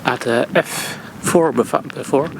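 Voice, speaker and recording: A man vlogging outdoors on an on-camera microphone with wind hitting it, speaking unscripted in a hesitant, halting way. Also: medium pitch, vocal fry. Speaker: vlogger testing camera gear. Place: outdoors near the ocean. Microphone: on-camera shotgun microphone. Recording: strong wind on the mic, outdoors.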